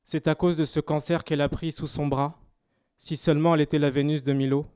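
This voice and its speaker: At a live exhibition opening, a Parisian man from France performs rhythmic, rhymed slam poetry in a Parisian French accent. His fairly high voice is smooth and a little mellow, with little pitch movement and a slightly fast pace, recorded in studio quality with no room sound.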